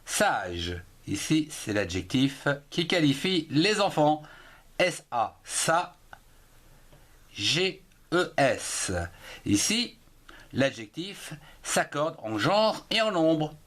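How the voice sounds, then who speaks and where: A middle-aged man teaching a spelling lesson, slowly spelling out words letter by letter and counting syllables. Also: fairly high pitch, very animated, a bit bright. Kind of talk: dictation-style spelling lesson.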